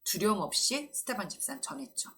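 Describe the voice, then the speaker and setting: Lady telling a kids bible story, really lively up and down voice, gentle tone. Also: on the low side, quick pace. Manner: gentle storyteller, acts out quoted lines. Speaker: children's Sunday school preacher. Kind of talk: storytelling sermon for children.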